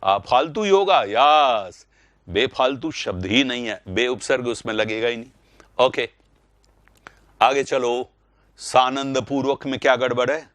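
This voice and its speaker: A man teaching Hindi grammar in a live online class, calling students by name, repeating words and getting loud when he corrects them. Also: medium pitch, a little slow, no echo. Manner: animated, rising sharply when correcting.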